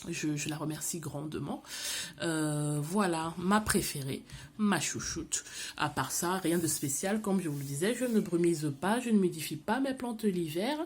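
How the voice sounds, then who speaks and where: A chatty woman talks casually about her houseplants. She is animated and gushing, and tosses English phrases into her talk. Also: fairly low pitch, a little slow, a little hiss or hum. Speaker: plant vlogger. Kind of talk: casual chat.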